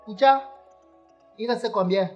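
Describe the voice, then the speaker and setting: A woman's voice: fairly high pitch, slow pace, darkish tone, roomy sound, muffled recording, faint music behind. A woman in a comedy sketch, talking in a heated, accusing, commanding way.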